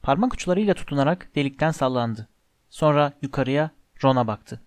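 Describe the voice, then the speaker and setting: A man reading a storybook aloud in a measured, steady way, close to the mic. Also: medium pitch, dry recording. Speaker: audiobook narrator. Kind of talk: storybook narration.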